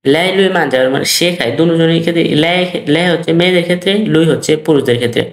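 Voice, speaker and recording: A patient language teacher drills vocabulary, saying every word twice and drawing out the example phrases. The voice sits at an ordinary middle pitch. The recording carries a clear roomy echo. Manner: slow and repetitive, drilling each word twice; stretches out the practice phrases. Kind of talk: language lesson. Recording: roomy echoey room.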